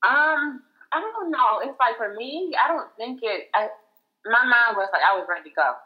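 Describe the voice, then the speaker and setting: A woman in her late thirties recalling her young married years as a podcast guest, soft and hesitant with many fillers. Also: on the high side, lively intonation, moderate pace. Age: 30s. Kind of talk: casual storytelling. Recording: muffled lo-fi audio.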